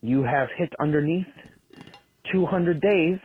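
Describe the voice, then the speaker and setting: A man's voice: on the high side, takes it slowly, breathy edge. Man's chatty voicemail over a tinny phone line. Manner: rambling and chatty, with many ums and uhs. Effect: played-back phone voicemail. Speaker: listener leaving a voicemail for the podcast. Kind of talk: casual voice message.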